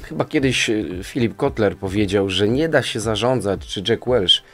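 A man with a lowish voice speaks at a moderate pace with lively intonation, faint music in the background. As a guest in a radio studio answering interview questions, he rambles at length about finances, often tagging his statements with "nie?". He's picked up by a studio boom mic.

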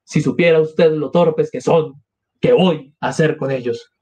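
A man voicing a frantic, consumptive noble mother, shrill and breathless. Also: unhurried, mellow, slightly rough. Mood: scolding.

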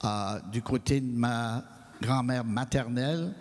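A man with a Franco-American French accent answering audience questions on stage, earnest and measured, on a handheld mic. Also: mid-range voice, steady tone, darkish tone. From New England, United States. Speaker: guest writer. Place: stage of a large hall. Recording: long hall reverb.

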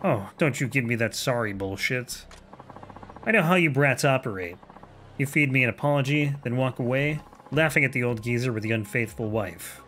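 A man's voice: mid-range voice, animated, moderate pace, a bit bright, slight background noise, close to an everyday voice. A man voicing a crude, bullying middle-aged samurai who hurls sneering threats.

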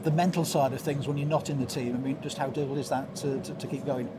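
A man's voice: medium pitch, steady tone, fast, background noise. A man interviewing a player after a match for the club, asking leading questions filled with "you know".

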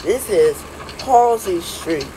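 A woman making recorded subway train announcements, stop by stop in a flat, measured announcer delivery. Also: lowish voice, noisy background.

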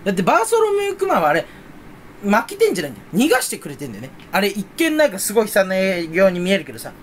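Young guy rambling fast on his own, kinda high voice, faint hum behind. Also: huge pitch swings. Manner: rambling, playful, self-mocking; mock Kansai dialect in quoted bits. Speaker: streamer. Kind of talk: solo casual chat.

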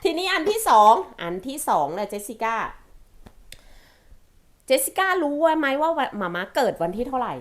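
Lively laughing Thai-speaking mom host. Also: female voice, high voice, normal speed, long pauses. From Thailand. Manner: animated, laughs often, coaxing her daughter. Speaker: vlog host, mother. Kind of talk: casual family Q&A vlog.

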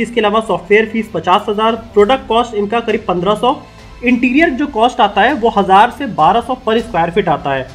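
Young man explaining business with energy. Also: high-pitched. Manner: brisk, addresses viewers as friends. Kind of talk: explainer video. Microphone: studio mic on desk.

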